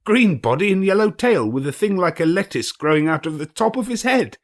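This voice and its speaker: A man voicing an old male miser, excitedly reliving childhood memories between laughing and crying. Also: high voice, brisk, pitched above the performer's own voice.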